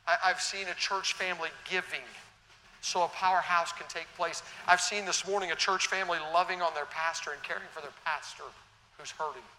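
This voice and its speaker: A man's voice: high-pitched, steady tone, fairly quick, pushed and bright, slight background noise. A man preaching a sermon at a pulpit microphone, earnestly urging the congregation and speaking to them directly. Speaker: guest preacher. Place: church sanctuary. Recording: long church reverb, faint room ambience.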